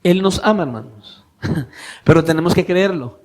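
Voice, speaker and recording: A male pastor preaching a sermon, asking his congregation pointed questions and moving between soft, low lines and louder emphatic ones. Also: unhurried. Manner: questions the congregation directly, swinging from soft to loud.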